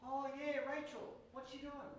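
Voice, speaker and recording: A woman's voice: high voice, little pitch movement, a little slow, slight background noise. Woman playing an amiable family friend, echoey. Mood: fond, casual. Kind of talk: theatrical farce acting. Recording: echoey distant stage recording.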